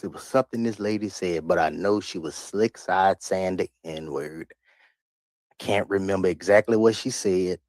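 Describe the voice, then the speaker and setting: A man streams live into a desk microphone, offering loose, rambling reaction commentary, repeating himself and laughing between remarks. His voice is low with a darkish tone and no room sound.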